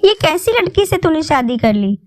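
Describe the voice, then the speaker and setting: A woman voicing a spiteful young sister-in-law who sneers and shouts. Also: sits high, very animated, normal speed, no echo, pitched above the performer's own voice. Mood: angry.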